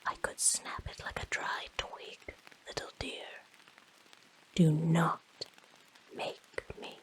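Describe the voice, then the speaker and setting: A woman voicing a female naga huntress, coaxing and softly threatening, in a breathy whispered role-play. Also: sits low, monotone, takes it slowly, exaggerated voice, low-quality recording. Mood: menacing, warning. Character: female naga huntress, predatory, coaxing, menacing serpent creature.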